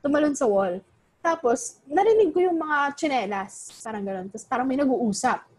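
Young woman, casual storyteller, high lively voice, Filipino-English mix. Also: moderate pace. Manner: animated, Taglish code-switching, many fillers.

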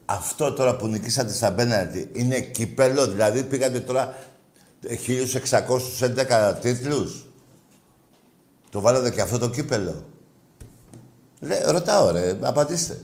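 A man hosting a sports call-in radio show, answering callers with gruff, clipped, teasing replies. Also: medium pitch, animated, long pauses, a little mellow, roomy sound.

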